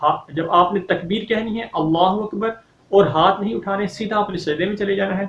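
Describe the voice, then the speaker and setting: Male recitation teacher, higher pitch, patient and methodical, keeps asking "okay?", slightly dull lo-fi sound. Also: slight background noise. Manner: explains patiently, then recites verses slowly and louder; checks in often with a questioning "okay?". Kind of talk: tajweed lesson. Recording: echoey, slightly dull recording.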